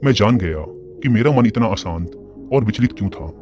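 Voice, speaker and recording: A man's voice: fairly low pitch, expressive, moderate pace, close to an everyday voice. A man voicing a young prince who speaks in an earnest, reflective way. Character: remorseful young male prince. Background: music.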